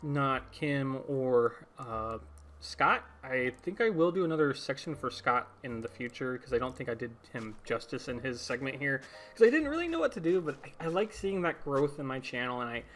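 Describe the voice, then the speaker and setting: Young male podcast host, middle-pitched, casual and rambling, self-correcting with small laughs. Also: animated, moderate pace, fairly bright tone, a little hiss or hum. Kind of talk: casual solo podcast talk.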